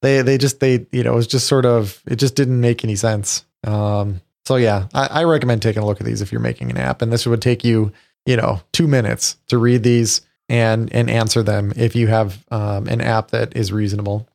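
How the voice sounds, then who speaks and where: A man's voice: medium pitch, level tone, moderate pace, gravelly, a little mellow. A man hosting a tech podcast, chatty and joking in casual talk, often laughing. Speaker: podcast host.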